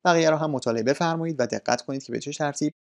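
A male teacher walks listeners through a grammar point in a calm, explanatory way. His voice has a steady creak to it. He repeats key instructions politely. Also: fairly high pitch. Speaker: English teacher. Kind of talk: grammar lesson explained in a relaxed spoken manner.

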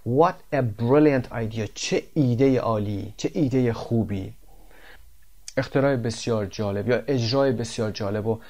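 A Persian-speaking man teaching English words and pronunciation, slowing right down to read the English examples aloud. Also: medium pitch, darkish tone. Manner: slow, careful when reading English examples. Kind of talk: explaining English vocabulary and pronunciation.

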